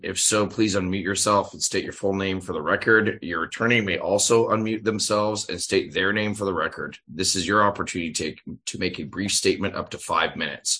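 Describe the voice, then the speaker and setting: Committee chair: man, deep and forceful, formal procedure, remote meeting. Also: husky.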